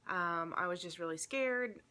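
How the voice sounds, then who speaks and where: A young woman vlogs from home in a casual chat, rambling a little with many ums and restarts and sounding somewhat out of breath. Her voice is lowish, pushed and bright, at a measured pace.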